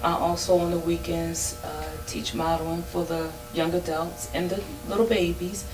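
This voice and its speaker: A woman's voice: fairly low pitch, level tone, moderate pace, echoey room, far from the mic, over music, low-quality recording. A woman being interviewed as a guest on a talk show, talking in a friendly way about her work. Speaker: guest, boutique owner.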